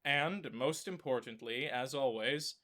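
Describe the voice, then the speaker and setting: A man with a clogged nose talking through election maps for his own channel in a casual way, thinking aloud with many fillers and self-corrections and breaking into excited exclamations. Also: mid-range voice, unhurried. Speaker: political commentary YouTuber. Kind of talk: casual screen-share analysis.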